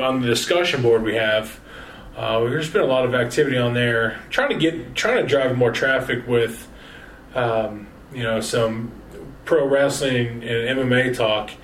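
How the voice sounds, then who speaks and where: A man's voice: medium pitch, fairly bright tone, slight background noise, low-quality recording. A man hosting a casual sports podcast, tired and rambling, with lots of fillers and restarts. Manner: rambling, halting sign-off with many fillers. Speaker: podcast host.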